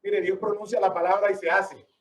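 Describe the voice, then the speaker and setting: High-voiced emphatic male preacher. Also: level tone, brisk, echoey room, far from the mic, low-quality recording. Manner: emphatic, rhetorical questions, addresses listeners as brother. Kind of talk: sermon.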